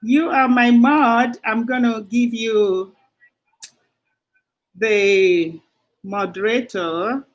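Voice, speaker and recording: A woman hosting a live stream, warmly greeting viewers one by one by name. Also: a little high, extremely slow, long pauses. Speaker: livestream host. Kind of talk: casual livestream greeting.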